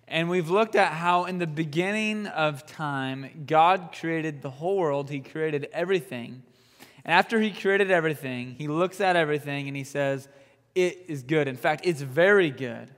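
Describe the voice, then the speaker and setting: A young man preaching a youth sermon, an animated storyteller who jokes and uses fillers. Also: a little high, normal speed, big-room sound. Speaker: youth pastor. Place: youth group room.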